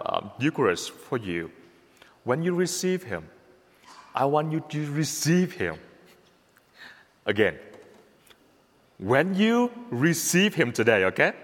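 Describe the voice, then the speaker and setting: Animated priest preaching in a reverberant hall. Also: male voice, a little high. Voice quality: animated, repetitive emphatic delivery. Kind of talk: Christmas homily. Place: church at Christmas mass.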